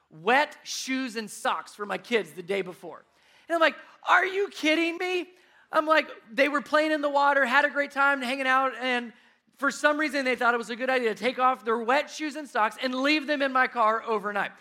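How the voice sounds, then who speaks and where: A man in his thirties preaching a sermon, telling stories with animated swings in his voice. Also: very high voice, moderate pace. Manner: animated storytelling, voice rising when worked up. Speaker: pastor.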